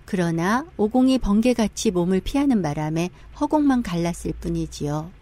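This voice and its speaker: A woman's voice: mid-range voice, animated, normal speed, background noise. A woman storyteller reading a scripted children's tale as narrator.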